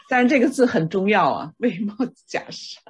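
A woman's voice: mid-range voice, sing-song, normal speed, husky. A woman learning English pronunciation one on one, carefully repeating words and asking short questions in Chinese. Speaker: adult English student.

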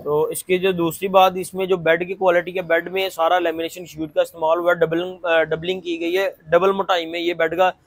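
Young guy doing an insistent salesman pitch, high voice, kinda flat intonation, repeats himself. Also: fairly quick, hardly any pauses, no echo. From Pakistan. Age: 20s. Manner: insistent, repetitive salesman's patter. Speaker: furniture showroom owner and video host. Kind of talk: unscripted sales pitch to camera. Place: large indoor furniture showroom. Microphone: clip-on lapel mic.

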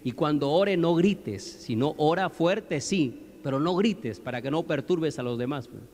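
A man's voice: a little high, expressive, unhurried, a little mellow. A male pastor preaching in a conversational way, often asking the congregation questions. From Peru. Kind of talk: sermon. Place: church hall. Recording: long hall reverb.

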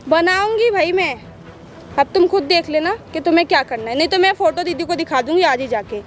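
A woman's voice: very high-pitched, expressive, brisk, slight background noise. A young woman in a staged social drama, arguing insistently and repeating herself in an outdoor park. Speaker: sister-in-law in a staged park confrontation.

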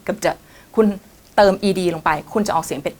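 A woman teaching English pronunciation, drilling sounds slowly and repeating them for her students. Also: mid-range voice, a little mellow. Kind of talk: classroom pronunciation lesson.

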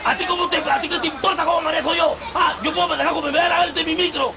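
A man playing a brash, hungover minibus driver in a TV sketch comedy, with a Peruvian accent, bossy and quick to shout and pick fights. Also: extremely high pitch, expressive, gravelly, over a noisy crowd, very noisy, full character voice. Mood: belligerent. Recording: dull lo-fi TV audio.

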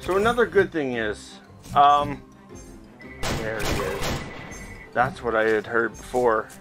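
Speaking slowly and expressively at a medium pitch, a middle-aged man provides casual commentary for a gaming video. He plays a VR game indoors with game music behind him, explaining in a laid-back, self-deprecating way.

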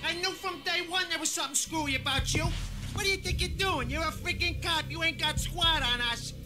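An actor playing a panicky, wounded New York mobster with a shrill, frantic voice in a video game. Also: male voice, brisk. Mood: defiant. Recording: game audio with music behind.

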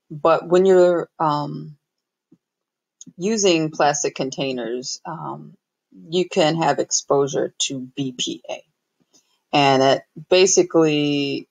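Female fitness host, gravelly tone, halting casual explainer, dry webcam sound. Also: low-pitched, no room sound, rough recording. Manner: halting, many ums and restarts. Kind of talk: casual screen-share explainer. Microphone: webcam on a computer.

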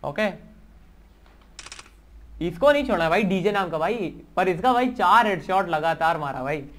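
Young guy streaming a game, high voice, hyped, bossing his squad around. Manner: excitable, giving teammates quick orders. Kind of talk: casual gaming commentary.

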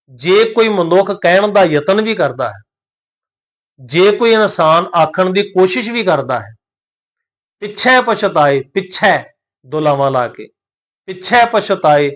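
A man teaching the pronunciation of scripture, reciting each verse slowly and carefully, then explaining it in plain words. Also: a little high. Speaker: Gurbani teacher.

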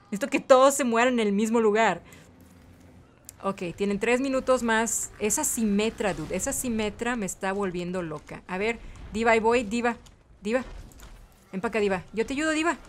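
Excitable woman narrating gameplay. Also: on the high side, slight background noise. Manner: excitable, chatty, sprinkles English words. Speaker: gaming channel host. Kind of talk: let's-play commentary.

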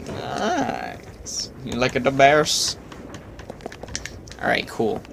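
A man's voice: mid-range voice, very animated, very slow, creaky, background noise. A young man chatting casually and joking while playing a video game, laughing often. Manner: goofy, jokey, laughs often. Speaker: let's play gamer. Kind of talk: casual gameplay commentary.

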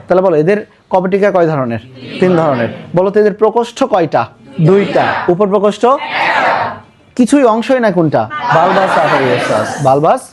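A man teaches biology with a Bangladeshi Bengali accent, his voice sitting notably high. He runs the lesson as call-and-response, firing the same questions repeatedly and calling for louder answers. He slips English words into his explanations. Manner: drills students with repeated questions, urges them to answer louder.

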